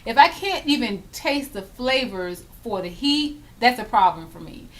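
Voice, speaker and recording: A woman's voice: a little high, expressive, measured pace, slight background noise. A woman in her thirties, a hair vlogger, chatting casually and emphatically while acting out little scenes. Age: 30s. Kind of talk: casual chatty vlog tag.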